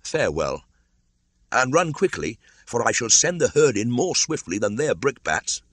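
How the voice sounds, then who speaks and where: A man's voice: medium pitch, sing-song, moderate pace, no echo, pitched above the performer's own voice. A man voicing a bold, defiant boy raised by wolves in an audiobook, with a commanding, scornful way of calling out. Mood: firm, urgent.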